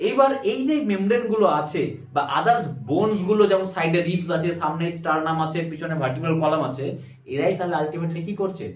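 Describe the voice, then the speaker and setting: A man's voice: a little high, fast talker. A man teaching biology at a board, firing questions at the class and answering them himself. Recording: roomy echo, mic at a distance.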